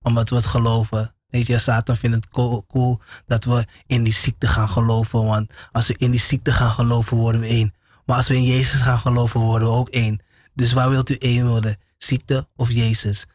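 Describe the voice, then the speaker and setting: A man delivers a casual radio sermon at a mid-range pitch, circling back over the same phrases and scattering amens and chuckles. His voice is close and dry, with no room sound around it. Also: little pitch movement, brisk, darkish tone, dry recording. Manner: repeats phrases, many amens and laughs. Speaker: radio preacher.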